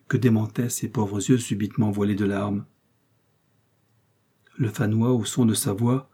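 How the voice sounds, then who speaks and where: A man reading a novel aloud as an audiobook reader, in measured, even storytelling. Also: fairly low pitch, breathy edge. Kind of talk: scripted narration.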